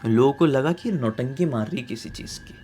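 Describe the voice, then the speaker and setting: A man with a medium-pitched voice tells a horror story casually but dramatically, speaking a little fast and swinging between loud bursts and hushed tones. There is slight background noise.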